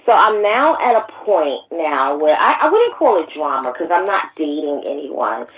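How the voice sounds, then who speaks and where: A woman from Brooklyn, a guest in a casual chat, telling stories in an animated, joking way. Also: low voice, normal speed, dull audio. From New York, Brooklyn.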